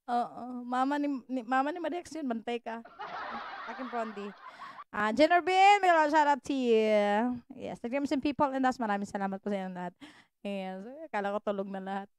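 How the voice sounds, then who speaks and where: A woman's voice: fairly high pitch, moderate pace, background noise. A woman chatting casually on a livestream, teasing her viewers and laughing often. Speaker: livestream vlogger.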